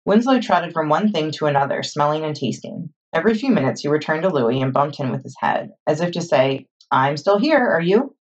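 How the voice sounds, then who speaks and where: A woman librarian reading a children's chapter book aloud in steady storytime narration. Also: low-pitched, brisk, hardly any pauses. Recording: dull lo-fi recording.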